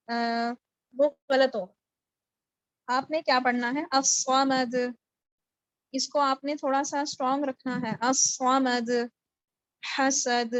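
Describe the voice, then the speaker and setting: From her home on a video call, a woman with a high voice gives an online Quran recitation class, explaining with patience and making sure her students keep up. Her video call mic yields lo-fi audio with no echo.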